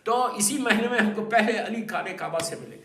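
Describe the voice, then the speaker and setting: A man preaching an impassioned sermon, dropping to a hush and then rising to loud urging, with English phrases mixed in. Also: sits high. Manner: impassioned, swings from hushed storytelling to loud emphatic urging. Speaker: Islamic preacher. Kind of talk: Urdu sermon. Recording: echoey, from a distance, faint noise.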